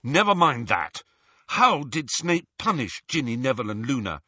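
A male reader plays a blunt teenage boy in a storybook, urgent and loyal. His voice is bright and husky, with very animated pitch. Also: measured pace, no echo, lo-fi sound, heavily acted. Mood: insistent. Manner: direct, insistent.

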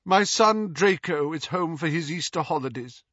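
A man's voice: a little high, expressive, normal speed, fairly bright tone, no echo, muffled recording, voice pushed up. Narcissa, a man doing a cold haughty lady. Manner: cold, imperious. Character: cold, haughty aristocratic woman.

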